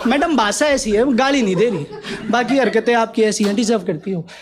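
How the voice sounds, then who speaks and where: A man's voice: high-pitched, a little fast, close to an everyday voice. A man doing a blunt Haryanvi village mother. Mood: mock polite. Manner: blunt, coarse, threatening, falsely polite. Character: blunt rustic Haryanvi Jat mother, loud, fierce.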